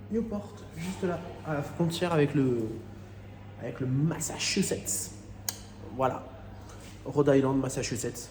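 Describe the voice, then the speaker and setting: Filming himself on a phone, a vlogger chats enthusiastically while walking around a theme park, often restarting phrases in this casual vlog. His voice is medium-pitched, with background noise and music.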